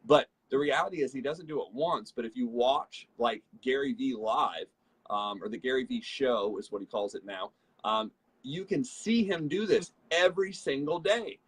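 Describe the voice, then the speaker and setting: A man co-hosting a leadership show, giving an energetic motivational talk about network marketing and acting out the people he quotes. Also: mid-range voice, moderate pace, slightly rough, rough recording.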